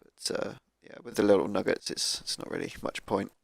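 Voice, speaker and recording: Croaky laid-back man. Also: sits low, fairly even intonation, a little fast, no echo, studio quality. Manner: thinking aloud, laid-back, with fillers. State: croaky voice from a cold. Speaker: gaming YouTuber. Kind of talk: casual gameplay commentary. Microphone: cheap microphone.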